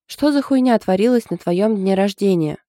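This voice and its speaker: A woman voicing a sharp-tongued, sarcastic young woman who talks loudly and dramatically in an audiobook. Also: mid-range voice, expressive, moderate pace, dry recording, studio quality, close to an everyday voice. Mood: indignant. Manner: loud, dramatic, grumbling.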